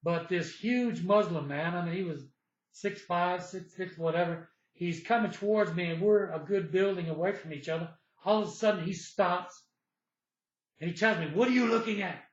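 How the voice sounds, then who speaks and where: Older man, high pitch, meandering personal storyteller, roomy echo. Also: normal speed. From United States. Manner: rambling, repeats himself, acts out dialogue in the retelling. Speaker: vlogger. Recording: echoey, slightly dull room sound.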